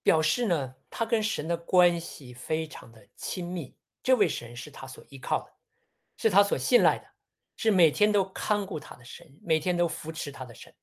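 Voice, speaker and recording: A preacher giving a sermon on a Bible passage in a measured, teaching tone, often posing rhetorical questions. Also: medium pitch, lively intonation.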